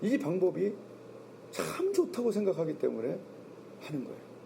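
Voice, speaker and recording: A man's voice: high voice, huge pitch swings, normal speed, creaky, dark tone, slight background noise. A male senior pastor preaching a Sunday sermon, firing rhetorical questions and reading scripture aloud. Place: church sanctuary.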